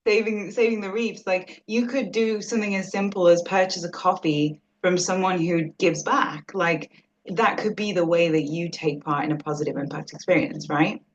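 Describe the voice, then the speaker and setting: Lower-voiced woman hosting a casual chat. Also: steady tone, normal speed, dull audio. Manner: informal, effusively agreeing, frequent "like". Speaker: podcast host.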